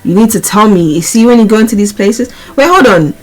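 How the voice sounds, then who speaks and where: A man's voice: high-pitched, lively intonation, brisk, rough recording. A man streaming live, rambling casually and repeating himself as he talks to his chat.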